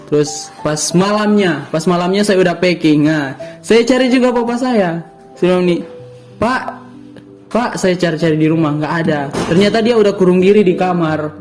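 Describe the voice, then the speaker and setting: A man's voice: sits high, a little fast, a little mellow, faint music behind. A young man with a Manado Malay accent, a guest telling his personal story in an interview. He talks in a storytelling way, acting out quoted dialogue, with frequent restarts. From North Sulawesi, Indonesia. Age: young adult. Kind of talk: personal testimony in conversation.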